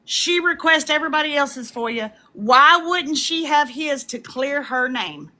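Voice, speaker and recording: A young woman on a live stream, ranting and gossiping in a loud, profane way, with laughs and shouted lines. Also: sits high, animated, measured pace, rough recording. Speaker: livestreamer. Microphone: phone.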